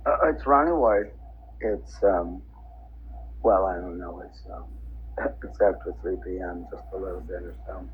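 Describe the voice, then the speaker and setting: A man with a very low voice speaks slowly and haltingly, as if logging times on a dictaphone. He repeats himself and counts aloud. The recording is muffled, with some noise behind him. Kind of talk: spoken dictaphone log, announcing dates and times. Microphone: tablet voice recorder. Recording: dull, noisy handheld voice-recorder sound.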